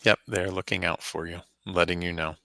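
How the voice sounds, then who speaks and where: A man giving a calm, reflective intuitive reading in easy conversation, laughing now and then. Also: low voice, a little fast, vocal fry, dry recording, poor audio. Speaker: spiritual reader guest.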